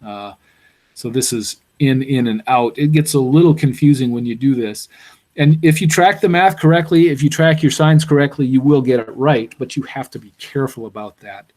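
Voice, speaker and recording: A man's voice: medium pitch, normal speed, darkish tone. A man giving a university engineering lecture, explaining step by step and thinking aloud with fillers.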